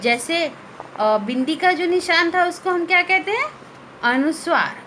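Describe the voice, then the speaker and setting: A woman teacher giving a grammar lesson to young children, asking questions and answering them herself, drawing out each example word slowly. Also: very high voice, lively intonation, sharp tone, slight background noise. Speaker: school teacher.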